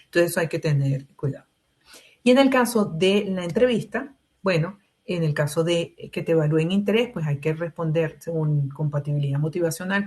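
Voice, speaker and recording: A woman's voice: low voice, darkish tone. A Venezuelan woman presenting a live webinar on job interviews, explaining step by step and often checking in with "ok?", heard over a video call mic. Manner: explanatory, frequent "¿ok?" check-ins. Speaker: webinar presenter, recruitment trainer.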